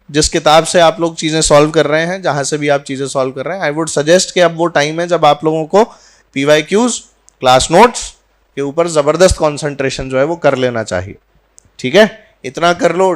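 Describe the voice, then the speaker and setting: A physics teacher talking warmly and jokingly to his students at the end of a course in a classroom, mixing in English phrases. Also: a little high. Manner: chatty and teasing, mixing Hindi with English phrases. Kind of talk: farewell talk to a class.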